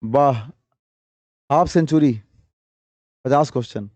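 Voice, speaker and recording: A man teaching English grammar to a class, quizzing students with repeated questions and reading example sentences slowly before explaining them briskly. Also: medium pitch, a little mellow, no echo.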